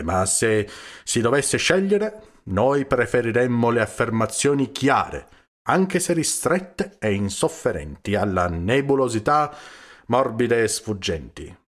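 A burly communist mayor bursts out in roaring, indignant lines, as a man reads him aloud. The reader's low voice jumps up when the mayor loses his temper. It is an audiobook reading. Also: lively intonation, takes it slowly, a bit bright, husky, heavily acted. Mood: declaiming.

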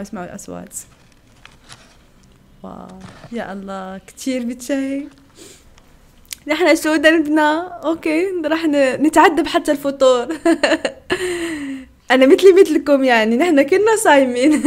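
Giggly young woman, high voice. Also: slight background noise. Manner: giggly, exclaims often, playful self-teasing. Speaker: YouTuber reacting to food videos. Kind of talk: casual reaction vlog.

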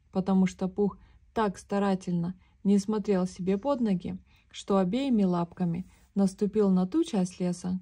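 A woman tells a bedtime story in a calm, measured voice. Her tone is mellow and dark, at a middling pitch, steady and unhurried. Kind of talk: reading a children's book aloud.

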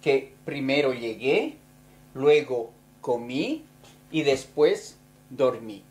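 A woman teaching a recorded grammar lesson, saying each verb form slowly and carefully. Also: very deep voice, expressive, darkish tone. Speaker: Spanish teacher.

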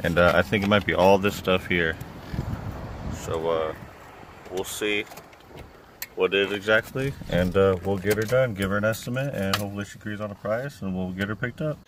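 A man's voice: low voice, normal speed, fairly bright tone. Young man vlogging from his car. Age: young adult. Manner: plain, upbeat, chatty with many fillers. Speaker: junk removal business owner. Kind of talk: casual vlog to camera. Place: in a car, then in a small room at home. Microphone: phone camera at arm's length. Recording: noisy phone recording with vehicle sounds.

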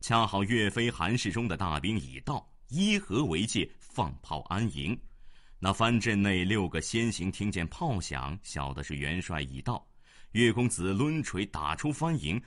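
Dramatic male storyteller, very animated. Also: fairly low pitch. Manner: dramatic, with shouted character voices. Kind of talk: storytelling reading of a classical novel.

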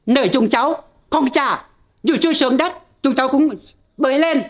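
A woman's voice: high voice, natural voice. A woman playing a pushy young debt collector who accuses a family over money in a comedy skit. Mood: accusing. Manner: brisk, accusing.

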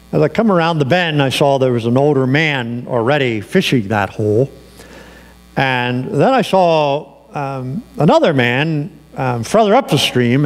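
A man's voice: mid-range voice, gravelly. A male pastor preaching a sermon, telling a personal story in a conversational way with fillers, in a church sanctuary with long reverb.

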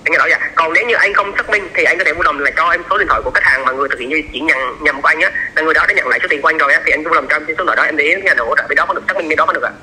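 A man speaks over the phone in a customer-service register, at a very rapid pace. His voice is slightly high and very sharp. He is polite yet insistent, and the call recording carries faint noise. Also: poor audio. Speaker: caller posing as bank support staff.

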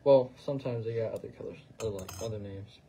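A man chatting casually as he demonstrates fly tying on a livestream, relaxed and full of trailing phrases. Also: fairly low pitch, fast talker, a little hiss or hum. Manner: relaxed, talks while working, fillers and trailing phrases. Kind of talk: casual instructional chat.

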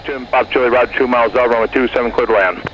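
The highs are cut off in this aviation radio recording, which also carries faint noise, of a male air traffic controller heard in a jet cockpit. Speaking from the airport tower very fast in a steady, mid-range voice, he gives clipped, courteous instructions.

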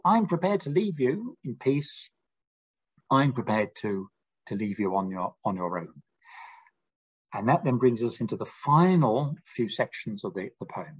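Male lecturer, husky voice, muffled lo-fi recording, slow verse reading. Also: mid-range voice, big pitch swings. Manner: slow deliberate recitation of quoted verse. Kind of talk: lecture reading and explaining a poem.

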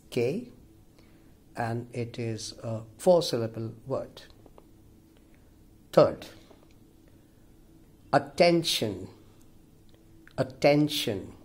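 A man's voice: mid-range voice, a little mellow. A man teaching pronunciation, saying each word twice with care and then explaining where the stress falls. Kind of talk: slow, deliberate pronunciation lesson.

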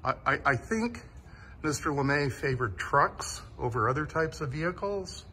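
A man's voice: on the high side, animated, moderate pace, sharp tone, a little hiss or hum. A man filming a casual walk-through of a vehicle museum on his phone, talking with awe about the collection. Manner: enthusiastic, awed. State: a bit sweaty after driving. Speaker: vlogger touring a vehicle museum. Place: large indoor vehicle warehouse.

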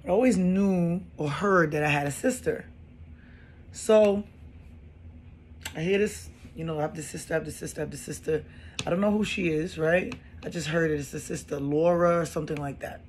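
A woman in her thirties telling a personal story in a casual, animated way, often repeating phrases for emphasis. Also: low-pitched, normal speed, slight background noise.

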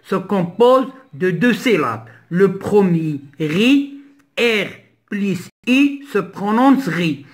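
A man with a Moroccan accent teaching a primary school reading lesson, slowly repeating words and syllables. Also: high voice, lively intonation. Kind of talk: slow French reading lesson with Moroccan Arabic explanations.

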